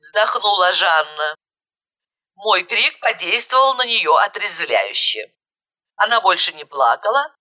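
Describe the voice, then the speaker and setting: A woman narrating a first-person story in an expressive, lively reading style. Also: mid-range voice, highs cut off. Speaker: audiobook narrator.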